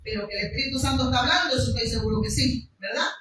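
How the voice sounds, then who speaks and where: A woman's voice: fairly high pitch, racing, noisy background. A woman preaching a sermon, reading from the Bible and speaking emphatically, with rhetorical questions and raised passages. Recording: echoey room, mic far off.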